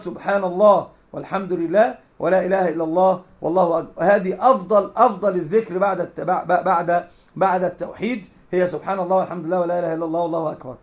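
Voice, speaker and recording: A man giving a religious lesson, emphatic and repeating key phrases as he explains texts. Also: high voice. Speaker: sheikh teaching hadith.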